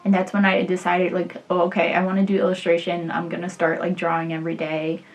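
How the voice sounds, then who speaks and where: A woman's voice: lowish voice, completely flat delivery, quick pace, faint music behind. A woman in her late twenties, an illustrator, chatting casually and self-deprecatingly about herself, with many "like"s and "um"s. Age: 20s. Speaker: illustrator and vlogger. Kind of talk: casual get-to-know-me chat.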